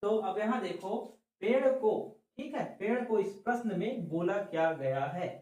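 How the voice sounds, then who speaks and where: A man teaching a class for exam students, his high voice ringing through a very echoey room. He is some distance from the mic. He talks slowly through each step, asking questions and answering them himself. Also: lively intonation, a little mellow. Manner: drawn-out explaining. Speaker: reasoning teacher.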